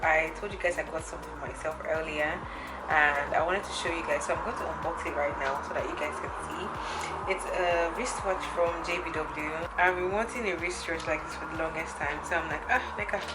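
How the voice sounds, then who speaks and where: A woman's voice: deep voice, steady tone, fairly quick, over loud music, low-quality recording. A woman vlogger chatting casually to her viewers, with informal, emphatic and repetitive wording.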